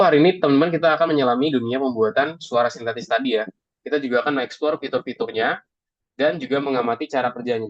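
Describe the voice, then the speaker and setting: A man's voice: medium pitch, no echo, muffled recording. A man teaching a class in a chatty way, asking the students questions and addressing them as friends. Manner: chatty, asks the class questions, says "teman-teman" often. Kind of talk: classroom lesson.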